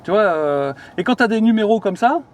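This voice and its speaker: A man's voice: high-pitched, expressive, fairly quick, a little hiss or hum. A man, hosting and casually explaining electric cars to a colleague, chatty with many fillers. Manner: chatty, many fillers, asks viewers questions.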